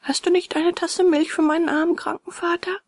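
A woman's voice: very high-pitched, level tone, fairly quick, no room sound, studio quality, pitched above the performer's own voice. A woman voicing an earnest, remorseful wooden puppet boy in a storybook, talking eagerly and pleading.

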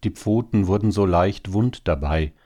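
A man narrating an audiobook story in a measured, solemn manner. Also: deep voice, mellow.

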